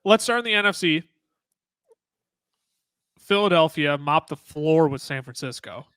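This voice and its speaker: A man co-hosting a sports podcast, talking excitedly in casual chat with many restarts. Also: on the high side, a little slow, clean tone, no room sound. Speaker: podcast co-host.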